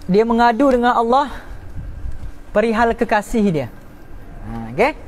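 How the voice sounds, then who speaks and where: A man's voice: very high-pitched, sing-song, unhurried, slight background noise. Man giving a religious lesson. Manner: checks in with listeners often, stretches and drops words for emphasis. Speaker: religious teacher. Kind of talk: religious class lecture.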